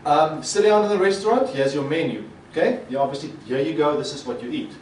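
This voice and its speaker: Talking fast in a slightly high voice, an Afrikaans-speaking man gives a conference talk from a podium mic set a bit far off. The hall, fitted with a projector screen, is echoey, and a little hiss or hum comes through. He's lively, gesturing often and acting out the reactions he quotes.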